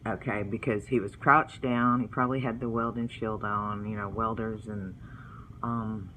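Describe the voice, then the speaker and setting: A man's voice: on the low side, steady tone, normal speed, pushed and bright, slight background noise, poor audio. Earnest man telling family stories. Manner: earnest, heartfelt, religious storytelling. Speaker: vlogger. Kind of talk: storytelling vlog, partly read from a book.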